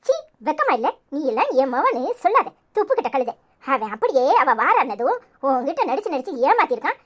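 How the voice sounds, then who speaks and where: Woman voicing a mocking, sharp-tongued cartoon mom from Tirunelveli, high and swooping. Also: sing-song, brisk. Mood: scolding. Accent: Tirunelveli Tamil. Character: scornful scolding mother, middle-aged woman.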